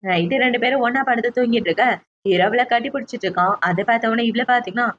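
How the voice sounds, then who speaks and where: Fast-talking woman recapping a drama. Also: a little high, a bit bright, highs cut off. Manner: retells scenes quickly, voicing quoted lines herself.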